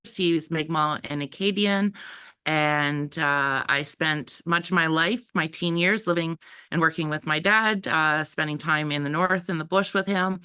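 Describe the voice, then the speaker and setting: Bright, clear Canadian woman on a video call. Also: low voice, measured pace. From Saskatchewan, Canada. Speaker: panelist, academic. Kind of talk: informal self-introduction on a video call.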